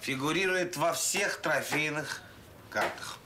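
A middle-aged man playing a brisk senior staff officer giving a briefing in a war drama. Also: fairly high pitch. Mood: intent. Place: wooden room indoors. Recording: roomy, faintly noisy film dialogue.

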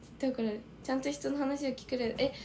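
Hoarse chatty Kansai woman on a stream. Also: sits high, steady tone, quick pace, dark tone, a little hiss or hum. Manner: chatty, often dropping into a breathy whisper. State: hoarse, strained throat. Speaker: idol livestreamer. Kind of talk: casual livestream chat reading viewer comments.

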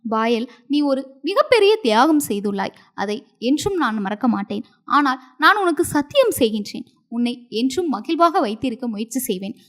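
A woman voicing a devoted young prince freed from a curse, speaking softly and earnestly in a storybook tale. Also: high-pitched, sing-song, moderate pace.

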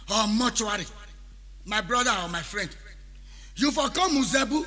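Man, Edo Nigerian Pidgin accent, high-pitched, piercing tone, preachy, proverb-laden, half-sung, reverb, backing music. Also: sharp tone. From Benin City, Nigeria. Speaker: highlife musician. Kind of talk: spoken-word chant over music.

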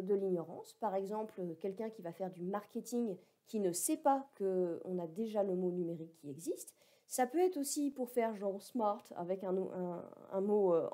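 A woman teaches a recorded lesson, explaining carefully and dropping the odd wry aside. Her voice is very dark and mellow, with a slight husky edge. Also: on the high side. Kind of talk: recorded lecture.

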